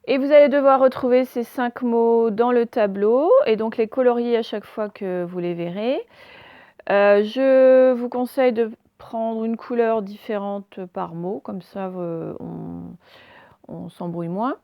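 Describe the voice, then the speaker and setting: A woman teacher giving a recorded phonics lesson for young children, sounding out each word clearly and stressing the target sounds. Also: a little high, fairly even intonation, a little slow, no echo, highs cut off.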